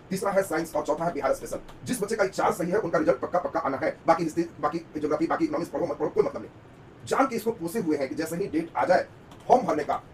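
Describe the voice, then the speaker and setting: A male coaching teacher races through an exam-prep history lecture at breakneck speed in a high voice. He quizzes and exhorts his students and repeats emphatic words. The mic sits a little away from him, with a faint rumble behind. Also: far from the mic.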